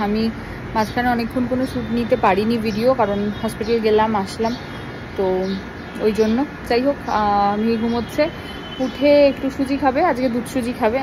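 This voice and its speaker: Young woman, high voice, sleepy, soft chatty talk, noisy home video. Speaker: mother vlogging at home. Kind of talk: casual chat to camera. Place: home, indoors.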